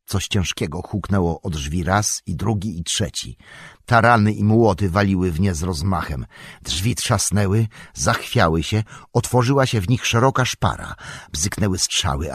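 Man reading fantasy audiobook, husky voice, dry close sound, dramatic pacing. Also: on the low side, no echo. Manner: dramatic, measured storytelling. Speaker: audiobook narrator. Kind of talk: scripted narration.

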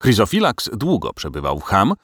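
A man narrating a storybook tale for an audiobook. His voice sits low but swings widely in pitch with expressive storytelling. The recording is dry and close. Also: normal speed, dry recording.

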